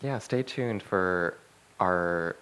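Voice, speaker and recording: Low-voiced chatty male podcast host. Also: extremely slow, fairly bright tone, clean tone. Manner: rambling, chatty, many fillers. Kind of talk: casual chat.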